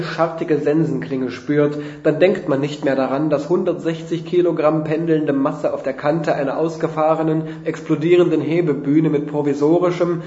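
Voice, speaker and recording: Guy reading a funny story, kinda high voice, dry mock-drama, echoey dull recording. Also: warm tone. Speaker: reader of a humorous story. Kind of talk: comic first-person story reading. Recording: roomy, dull lo-fi sound.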